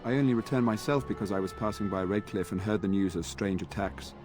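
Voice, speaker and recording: An actor playing an earnest, weary knight in a video game, speaking in formal, courtly phrases. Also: male voice, lowish voice, fast, over music, lightly acted. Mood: solemn. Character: earnest knight sworn to a noble lord, weary and dutiful. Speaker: game character.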